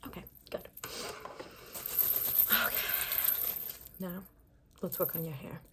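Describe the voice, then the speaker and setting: In a low, steady voice and slow pace, a woman murmurs soothing, repetitive step-by-step guidance while roleplaying a makeover stylist for personal-attention ASMR. The recording is very noisy.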